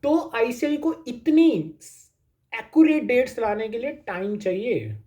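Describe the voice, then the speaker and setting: A man's voice: very high-pitched, lively intonation, measured pace, mellow, muffled recording. A man giving a casual pep talk to exam students, reassuring them and repeating his points, with English phrases mixed into his talk. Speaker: exam coaching YouTuber.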